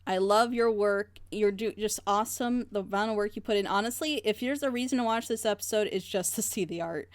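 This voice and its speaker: A woman with a medium-pitched voice hosts a casual group reaction show, reviewing things in an emphatic, opinionated, rambling way. She speaks a little fast, and there is no echo.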